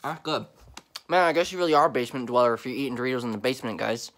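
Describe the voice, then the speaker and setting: A man's voice: medium pitch, racing, fairly bright tone. A young man vlogging a snack taste test from his home basement, talking in laid-back slang and chewing as he goes.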